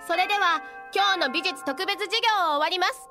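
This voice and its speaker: A woman playing a bright, kindly female art school character in an anime audio drama. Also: extremely high pitch, brisk, over music.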